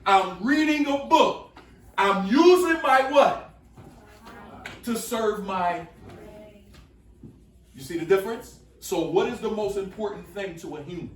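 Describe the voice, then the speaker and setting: A man's voice: high voice, a little slow, long pauses, slight background noise. Echoey man leading call-and-response. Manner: energetic, coaxing, repeats questions for the group to answer. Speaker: workshop speaker. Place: school classroom with students. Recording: echoey room from far off.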